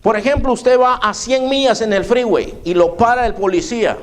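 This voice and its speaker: Male pastor, high voice, emphatic church preaching. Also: moderate pace. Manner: emphatic, keeps addressing listeners as brother. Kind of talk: evening church sermon.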